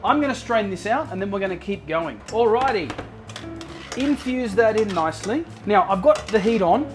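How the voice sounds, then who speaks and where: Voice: mid-range voice, lively intonation, normal speed, over music. An enthusiastic cooking show host giving a casual demonstration to viewers, often repeating words for emphasis, over a sizzling pan.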